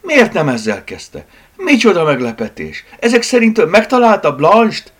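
A man voicing an impatient, anxious young woman in an audiobook, speaking in sharp, raised exclamations with a gravelly edge. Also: lowish voice, huge pitch swings, pitched above the performer's own voice, heavily acted.

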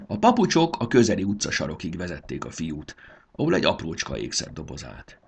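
A man narrating a storybook in an expressive, sing-song telling. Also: sits low, vocal fry, slight background noise.

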